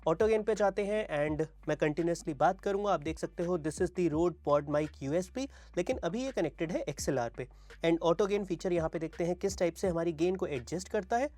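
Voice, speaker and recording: A man's voice: high voice, normal speed, a little mellow, no room sound. A man with an Indian accent walking through a studio product demo, explaining features step by step. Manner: explanatory, mixes English terms into Hindi. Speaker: gear reviewer. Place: home studio. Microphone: wireless mic, then dynamic and condenser mics.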